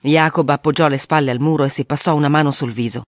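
A reader narrating a spooky children's story aloud in an expressive way, acting out the voices. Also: medium pitch, quick pace, no echo, clean studio sound.

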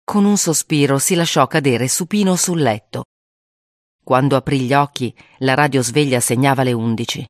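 Storybook narration, expressive, mid pitch, dry sound. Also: moderate pace, no room sound. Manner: expressive, acts out the voices. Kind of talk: storybook read aloud.

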